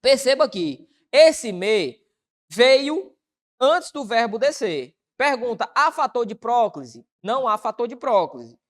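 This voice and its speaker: A woman's voice: on the high side, big pitch swings, takes it slowly. A woman with a Brazilian Portuguese accent teaching an exam-prep grammar lesson, asking herself questions and answering them in a colloquial way. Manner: asks and answers own rhetorical questions, colloquial.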